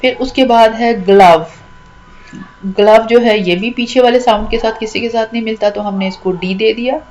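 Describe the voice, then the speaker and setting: A woman's voice: on the high side, fairly even intonation, a little mellow, poor audio. Patient woman teaching step by step. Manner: patient, step by step, repeats words slowly and drawn out. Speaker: English literature teacher. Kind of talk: classroom-style lesson explaining a rhyme scheme.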